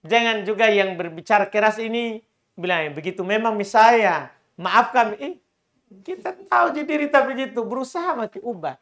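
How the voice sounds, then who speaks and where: A man's voice: high voice, expressive, brisk, a bit bright. A middle-aged male Islamic preacher, giving a religious lecture and answering questions. He repeats key phrases and his voice climbs sharply when he stresses a point.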